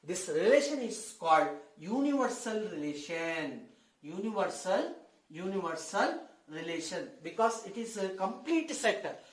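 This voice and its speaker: A male teacher giving a board lesson, dictating slowly in short phrases that he often repeats. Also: high-pitched, very animated. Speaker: mathematics teacher. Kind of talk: board lesson for senior school students. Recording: echoey room sound.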